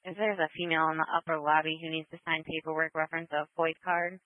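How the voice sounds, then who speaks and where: A woman working as a police dispatcher, relaying calls over a police radio in brisk, clipped codes. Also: sits low, level tone, background noise. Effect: police radio transmission. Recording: tinny, dry two-way radio.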